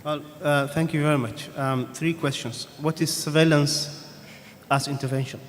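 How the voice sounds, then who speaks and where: A man on a conference panel answering audience questions in a measured, thoughtful way, pausing with "um" between points. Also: fairly high pitch, fairly even intonation. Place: conference hall. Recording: reverberant conference hall, faint room noise.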